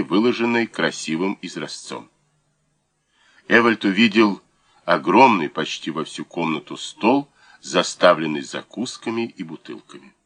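A man reads an audiobook aloud with expressive, measured storytelling. His voice is very low yet bright, and his pitch moves a lot. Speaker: audiobook narrator. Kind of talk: scripted audiobook narration.

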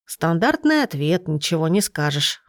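A fussy, shrewd old grandmother who scolds and advises, as voiced by a woman narrator. The voice is fairly low and dry, close to the mic. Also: very animated, moderate pace, no echo. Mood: bossy.

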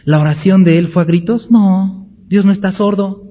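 A man's voice: sits high, normal speed, dark tone. Male Bible teacher, emphatic lecture, rhetorical questions, dull hall recording.

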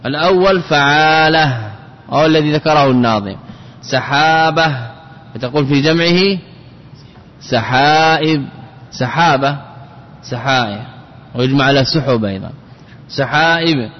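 A man's voice: a little high, moderate pace, pauses often, big-room sound, lo-fi sound. A man, a sheikh, teaching an Arabic grammar lesson, repeating word forms and checking his students with questions.

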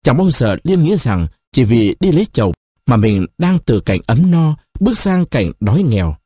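A man narrating a novel as an audiobook, in an expressive storytelling manner. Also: medium pitch, moderate pace, breathy edge, dry recording, studio quality.

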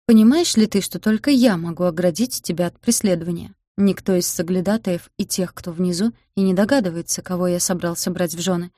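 A woman's voice: lowish voice, a little fast, few pauses, mellow, no echo, clean studio sound, close to an everyday voice. A woman voicing a furious young male demon who captains a guard, speaking in a snarling, threatening way. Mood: angry.

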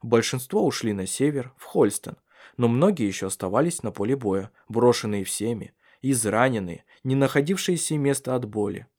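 Male audiobook narrator, measured delivery, animated intonation. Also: medium pitch. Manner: measured storytelling. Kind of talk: scripted literary narration.

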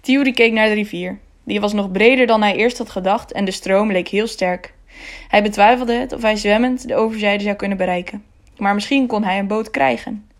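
A woman narrating a children's novel as an audiobook in a calm, measured way. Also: mid-range voice.

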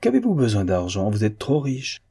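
A man's voice: lowish voice, wildly swooping pitch, normal speed, warm tone, slightly rough, heavily acted. A man voicing a young man who speaks coolly and bluntly in a storybook reading. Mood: firm. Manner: cool, firm, blunt. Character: calm, blunt young man, frank friend.

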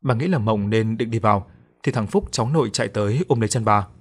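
A man narrating an audiobook story in a steady, even storytelling voice. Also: lowish voice, fast talker, slightly rough. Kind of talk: scripted storytelling.

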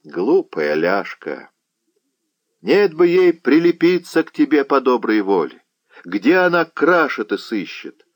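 A man voicing a loud, sharp-tongued old witch woman in an audiobook, with a shrill, mocking way of talking. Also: very animated, slow, no room sound, clean studio sound. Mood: scolding.

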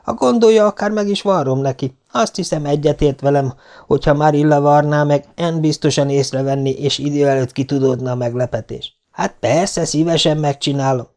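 A man's voice: a little high, a little mellow, voice pushed up, natural voice. A man voicing a talkative, obliging neighbour woman, eager to help. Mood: eager, chatty. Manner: chatty and obliging.

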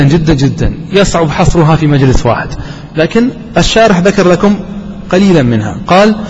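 A man's voice: a little high, darkish tone, a little hiss or hum. Man teaching grammar in an echoey hall. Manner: asks the class questions and answers them himself. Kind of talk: grammar lesson. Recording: dull recording with long hall reverb.

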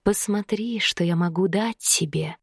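A fish-tailed river creature coaxes her prey in a low, hushed, drawn-out whisper, as a woman narrator puts her on. Her sweetness hides a greedy hunger. The voice sits well below the narrator's own and stays close and dry. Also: slightly rough, no echo. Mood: coaxing whisper. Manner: whispery, slow, coaxing. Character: seductive female river creature, half fish, sly and hungry.

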